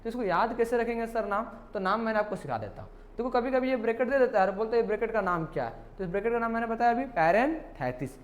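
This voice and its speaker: A man's voice: high voice, fast talker, hardly any pauses. A male teacher, walking students through exam questions. He talks playfully and keeps asking questions back to the class. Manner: playful, repeats questions to students, calls them "beta". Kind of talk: exam question walkthrough lesson.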